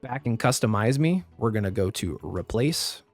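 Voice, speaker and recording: A man hosts a screen-recorded software tutorial, guiding viewers through each step practically and plainly, yet in an animated way at a moderate pace. His lowish voice is slightly raspy and his throat remains a bit rough from a recent flu, with faint background music under the voice-over.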